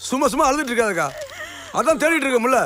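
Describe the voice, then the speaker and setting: High-voiced reassuring brother. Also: male voice, expressive, a crowd in the background. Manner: reassuring, brisk, takes charge. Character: take-charge younger brother of the mother. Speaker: brother-in-law of the father. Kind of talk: film drama acting.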